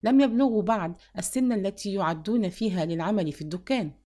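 A woman's voice: medium pitch, quick pace, mellow, lightly acted. A woman voicing a weary shopkeeping mother in a read-aloud story, sorrowful but firm.

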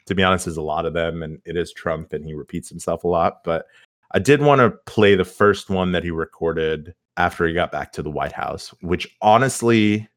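A man's voice: low voice, dry recording, clean studio sound. A man hosting a podcast, reacting to clips with mocking, incredulous commentary. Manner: incredulous, mocking, quick asides. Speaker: podcast host. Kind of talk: sarcastic commentary.

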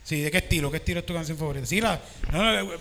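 A man's voice: fairly high pitch, rapid-fire, pushed and bright. A young man joking and teasing in casual banter as a musician. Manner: joking, teasing, laughs often.

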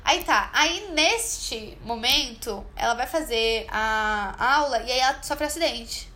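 High-voiced chatty young woman. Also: expressive, a little slow, pushed and bright. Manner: chatty, many fillers, acts out quoted dialogue. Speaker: podcast co-host. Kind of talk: casual chat, recommending a film.

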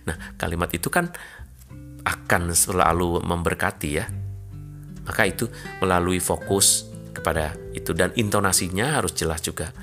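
Brief: very low-voiced male preacher, measured and calm, faint music underneath. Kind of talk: sermon.

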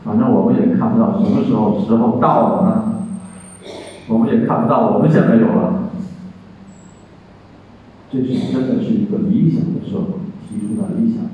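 A man's voice: lowish voice, normal speed, long pauses, muffled recording. A man teaching a classroom philosophy lesson, explaining patiently and often asking rhetorical questions. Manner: explains patiently, asks rhetorical questions, acts out story voices. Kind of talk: classroom lecture. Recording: echoey room from far off, faint noise.

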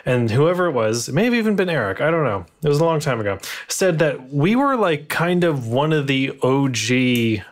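A man's voice: medium pitch, big pitch swings. Easygoing man with a mid-range voice. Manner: easygoing, halting, laughs often. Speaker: podcast co-host. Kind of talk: casual chat.

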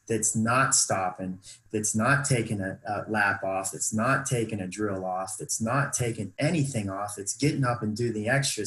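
A man who coaches wrestling, telling stories in an emphatic, animated way during a casual chat. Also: fairly low pitch, echoey room, poor audio.

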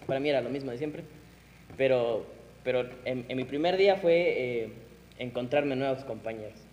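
A young man, hosting a casual podcast chat with friends, relaxed and teasing. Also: mid-range voice, normal speed, in a large hall, slight background noise. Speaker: podcast host asking questions.

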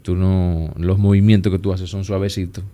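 A man with a Dominican accent, chatting as a guest and telling stories in a relaxed, easygoing way. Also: sits low, normal speed. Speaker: guest, plastic surgeon. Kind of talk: casual conversation.

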